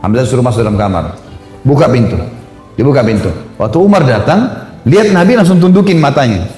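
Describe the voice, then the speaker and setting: A man telling a religious story as a preacher, animated and chatty, with conversational asides to his listeners. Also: mid-range voice, a little fast. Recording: echoey hall with faint music.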